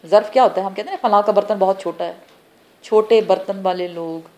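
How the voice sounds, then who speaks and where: A woman with a warm, medium-pitched voice teaches a Quran class. She works through scripture phrase by phrase, explaining terms word by word with pauses between phrases, and poses questions to the class that she answers herself.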